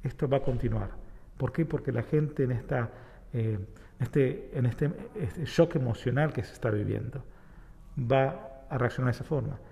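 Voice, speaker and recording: A man from Argentina with an Argentine accent, a rabbi guest calmly explaining ideas with everyday examples and parables. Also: medium pitch, moderate pace, creaky, big-room sound. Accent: Argentine Spanish. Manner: reflective, uses homely examples and parables. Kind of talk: explanatory talk-show conversation.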